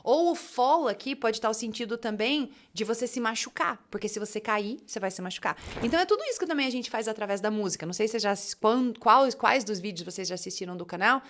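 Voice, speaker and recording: Young adult woman, English teacher, friendly chatty delivery with slow repeated drills, fairly high voice. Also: lively intonation, a bit bright. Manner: chatty, encouraging, drills phrases slowly for students to repeat. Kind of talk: casual online English lesson.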